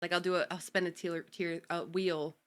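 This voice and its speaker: A woman streamer chatting casually at home, full of fillers and quick giggles. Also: on the low side, little pitch movement, fairly bright tone, clear, resonant tone. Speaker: streamer host. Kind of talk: casual chat.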